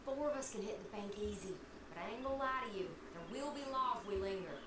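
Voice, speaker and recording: Woman acting a brash, lively cowgirl outlaw, echoey. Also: mid-range voice, quick pace, close to an everyday voice. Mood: confident. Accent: American. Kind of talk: dramatic video game acting. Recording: distant, echoey, noisy game audio.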